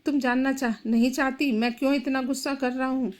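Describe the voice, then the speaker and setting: A woman's voice: high voice, steady tone, a little fast, natural voice. A woman voicing an enraged young husband. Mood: angry. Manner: shouting, accusing. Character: furious grieving young husband.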